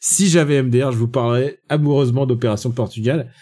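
Male podcast host, mellow dark tone, chatty and digressive. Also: mid-range voice, steady tone, quick pace. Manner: chatty, digressive, with frequent restarts. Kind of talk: casual film chat.

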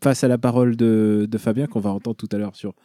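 A man's voice: on the low side, steady tone, fast, dark tone, dry recording, clean studio sound. A man hosting a pop culture talk show in a casual, conversational style.

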